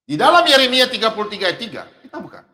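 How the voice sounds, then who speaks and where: A man preaching a sermon, who swings between shouted, drawn-out words and quiet asides. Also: very high-pitched, very animated, echoey room. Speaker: pastor. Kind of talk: energetic sermon.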